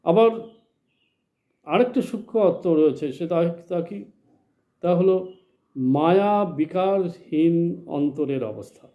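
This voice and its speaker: A man teaching a spiritual lesson in a measured, explanatory way, asking questions and then answering them himself. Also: on the high side, expressive, highs cut off. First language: Bengali. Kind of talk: slow spoken religious lecture.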